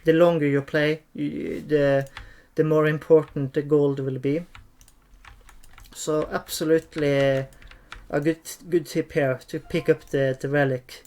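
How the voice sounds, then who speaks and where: A game streamer talks through an unscripted tutorial at a slow pace. The delivery is halting, with pauses and repeated phrases, at a medium pitch. Computer keys and mouse clicks sound behind the voice. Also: level tone, warm tone.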